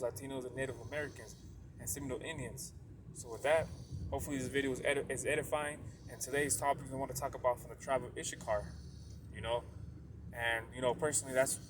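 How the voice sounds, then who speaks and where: A man talking through a religious lesson in a loose, rambling way, often tagging his sentences with "though" and circling back to repeat a point. His voice sits at an ordinary middle pitch. There is a faint hiss of noise behind him. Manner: rambling, heavy use of "you know" and a tag "though"; repeats points to stress them. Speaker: religious video presenter. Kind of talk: casual religious teaching monologue.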